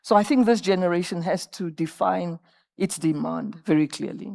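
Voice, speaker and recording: Woman panelist in her fifties with a gravelly edge and an emphatic, rallying conference delivery. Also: on the low side, normal speed, mellow. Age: 50s. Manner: emphatic, rallying, repeats words when searching. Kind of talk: panel discussion remarks. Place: conference stage.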